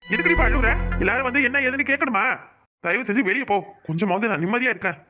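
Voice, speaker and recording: A man voicing a gruff young village husband in a cartoon, curt and scolding. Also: high-pitched, rapid-fire, over music, natural voice. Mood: brusque. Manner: brusque and scolding. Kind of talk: cartoon voice acting.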